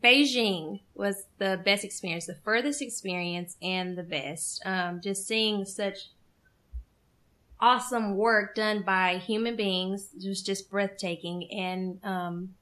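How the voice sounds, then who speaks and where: A woman podcast guest chatting casually and telling anecdotes in an expressive, giggly manner. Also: medium pitch, slow.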